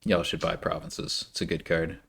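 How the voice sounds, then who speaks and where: A man giving casual live commentary on a card game, animated and quick to jump into high-pitched reactions. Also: vocal fry, a little hiss or hum.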